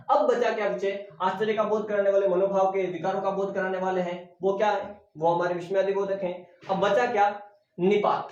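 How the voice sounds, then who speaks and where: A man teaching a Hindi grammar lesson for exam preparation, with a Rajasthani Hindi accent, who keeps asking questions and answering them himself while repeating the key terms. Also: sits high. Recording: very echoey, dull lo-fi room recording.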